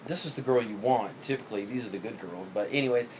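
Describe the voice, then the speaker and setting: Fast-rambling cocky man. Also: mid-range voice, a little mellow, slight background noise, poor audio. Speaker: vlogger. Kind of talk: rambling dating advice monologue.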